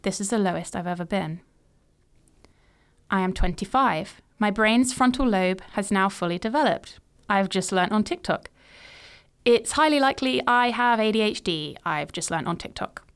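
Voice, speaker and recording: Reading her own story aloud in the present tense, this late-twenties podcast host has a clear, smooth, middle-range voice. She stays measured and reflective, though her intonation is lively.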